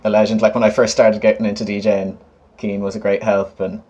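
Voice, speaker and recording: Casting: man, late 20s, west of Ireland accent, low voice, casual and informal interviewee. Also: little pitch movement, fast talker, a little mellow, slightly rough, highs cut off. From Galway, west of Ireland. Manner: informal, often laughing. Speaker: guest, musician and DJ.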